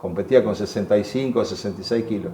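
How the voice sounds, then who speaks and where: A man in his sixties with an Argentine accent gives halting personal testimony, often repeating words and acting out the voices of people he quotes. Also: lowish voice, dark tone. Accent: Argentine Spanish. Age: 60s. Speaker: war veteran interviewee. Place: museum room. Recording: echoey room with faint background hum.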